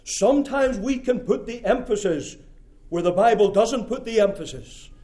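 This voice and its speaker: High-voiced preacher. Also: male voice, lively intonation, normal speed. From Nova Scotia, Canada. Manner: emphatic, rhythmic preaching with sudden drops to a quiet aside. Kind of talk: sermon.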